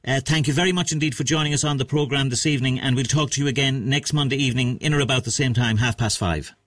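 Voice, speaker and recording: Radio host guy asking measured questions, dry close sound. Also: mid-range voice, fairly bright tone, no echo. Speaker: radio presenter. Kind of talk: radio programme interview.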